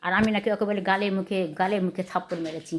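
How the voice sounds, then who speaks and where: A woman with a Rajshahi Bengali accent talks straight to her viewers in a casual home vlog. She speaks quickly and at an ordinary middle pitch. She sounds aggrieved, circles back over the same points and keeps asking listeners to judge her side. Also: steady tone, a little hiss or hum. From Bangladesh. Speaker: vlogger.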